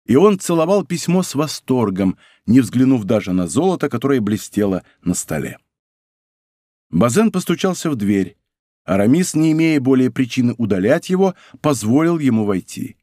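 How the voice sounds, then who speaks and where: A man narrating an audiobook in an expressive, theatrical reading on a close studio mic. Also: medium pitch, normal speed, dry recording.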